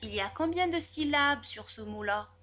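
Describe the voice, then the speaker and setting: A woman teaching a spelling lesson to children, sounding out each word slowly and clearly, syllable by syllable. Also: fairly high pitch, lively intonation, heavy background noise. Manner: slow, over-articulated, syllable by syllable.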